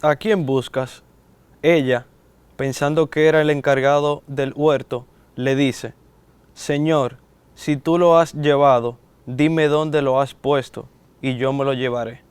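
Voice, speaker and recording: A man reading a Gospel passage aloud in a steady, measured way during a sermon. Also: medium pitch, clean tone, dry recording. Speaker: scripture reader.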